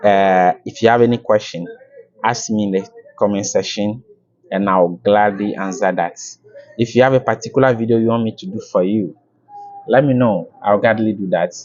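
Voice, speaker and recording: A man teaching a casual video lesson on French words, explaining slowly with fillers and repeats. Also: lowish voice, darkish tone, muffled recording, slight background noise.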